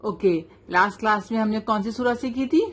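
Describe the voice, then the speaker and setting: A young woman teaching Quran recitation rules, patiently spelling out letters slowly and mixing English into her explanations. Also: mid-range voice, a bit bright. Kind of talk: tajweed lesson, slow drilling.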